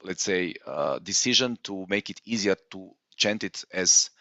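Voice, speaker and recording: A man's voice: low-pitched, animated, unhurried, pushed and bright, no room sound. Hesitant man teaching Vedic chanting. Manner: hesitant, many fillers, explains patiently. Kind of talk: online lesson on Vedic chanting.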